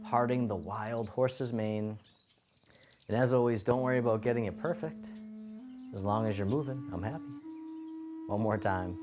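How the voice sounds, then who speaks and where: A man teaching tai chi, cueing each movement step by step in a gentle, encouraging, unhurried way. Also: fairly low pitch. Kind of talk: guided movement lesson, calm step-by-step cueing. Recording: music playing behind the voice. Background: music.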